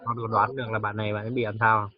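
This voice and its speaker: A man teaching English to a child, patient and coaxing, slowly repeating words to model how they sound. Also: fairly low pitch, level tone, crowd noise. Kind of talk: one-on-one English lesson for a child. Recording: dull, dry lo-fi recording.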